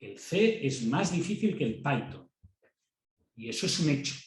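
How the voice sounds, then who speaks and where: Speaking in a roomy-sounding space, a man lectures a university class with a Castilian Spanish accent at a moderate pace. His voice runs high and very animated. He keeps the tone conversational, repeats words as he thinks, and checks in with students.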